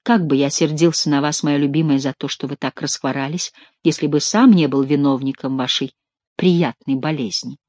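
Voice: mid-range voice, fairly even intonation, moderate pace, a little mellow, no echo, lightly acted. Amorous young male king, tender and effusive, as an audiobook reader puts him on; dry, close sound. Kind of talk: audiobook character reading.

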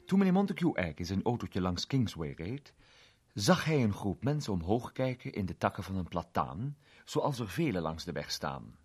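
A man narrating a short story in an expressive, animated reading. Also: deep voice, moderate pace, husky.

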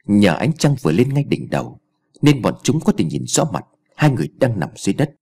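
A man narrating an audiobook story in an expressive storytelling manner. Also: medium pitch, a little fast, creaky, slightly rough.

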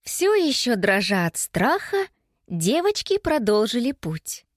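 A woman narrating a children's audiobook in an expressive storytelling manner. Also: on the high side, measured pace, no echo, clean studio sound.

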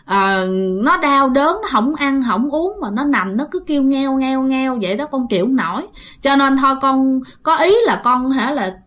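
A woman voicing a poor old woman who pleads her case in a flustered, high voice. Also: lively intonation, moderate pace, fairly bright tone. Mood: sorrowful.

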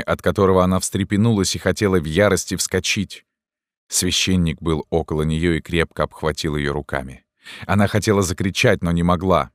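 Man narrating an audiobook, super deep voice, dry close recording. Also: dry recording.

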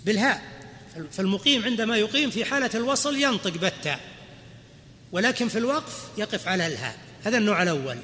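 A man teaching a grammar lesson, explaining step by step and quizzing the class with quick questions. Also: high-pitched, lively intonation, bright, forceful tone. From Saudi Arabia. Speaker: sheikh teaching Arabic grammar. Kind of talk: classroom lecture. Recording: reverberant hall, faint background noise.

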